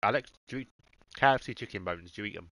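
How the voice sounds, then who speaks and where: A man's voice: on the low side, racing, pushed and bright, no room sound, low-quality recording. A man streaming a racing game, chatting casually and swearing freely while he eats. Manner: laid-back, swears freely, talks to his dog and chat.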